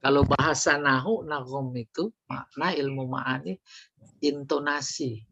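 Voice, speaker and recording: Slow-talking woman teaching a class. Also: very deep voice, fairly even intonation, background noise. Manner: explains slowly, quizzing the class. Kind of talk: Islamic study lesson. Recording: dull lo-fi recording.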